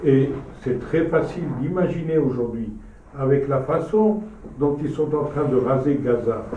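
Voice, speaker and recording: Mellow, distant man in an echoey room. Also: medium pitch, animated, normal speed. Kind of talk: explanatory discussion. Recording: muffled, echoey, distant mic, faint noise.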